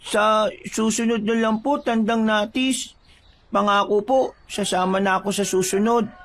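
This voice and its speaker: A man's voice: sits high, fairly even intonation, unhurried, fairly bright tone, voice pushed up. A man voicing a timid, sensitive young village boy who speaks politely and respectfully.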